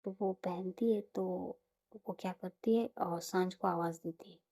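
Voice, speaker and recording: A woman casually retelling a romance story in a relaxed, conversational way, often dropping into whispers. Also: fairly low pitch, moderate pace.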